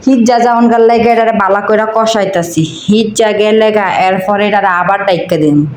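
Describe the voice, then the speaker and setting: With a medium pitch and a fairly quick, slightly mellow delivery, a woman from Cumilla, Bangladesh, talks through her cooking in her local Bengali dialect. She treats her viewers as friends while narrating the recipe in an echoey room.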